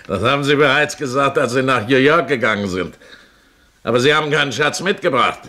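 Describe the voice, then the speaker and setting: An actor playing a coarse, hot-tempered pirate captain in a German radio play, blunt and scoffing. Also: male voice, mid-range voice, animated, normal speed, long pauses, sharp tone. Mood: angry, defiant.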